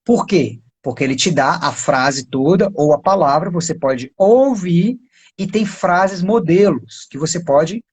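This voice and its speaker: A man with a Brazilian Portuguese accent, an English teacher giving a casual live-stream lesson, chatty and full of quick tag questions. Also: a little high, lively intonation, a little mellow, breathy edge. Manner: chatty, peppers talk with tag questions and pointers.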